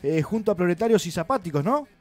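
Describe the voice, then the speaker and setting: A man's voice: high voice, animated, quick pace. A middle-aged Argentine man co-hosting a casual radio interview in the studio, asking easygoing questions. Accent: Argentine Spanish. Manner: friendly, asks questions casually. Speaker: radio host. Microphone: studio mic with headphones.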